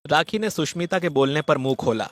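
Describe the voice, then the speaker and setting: A man's voice: a little high, lively intonation, brisk. Man narrating a moral story.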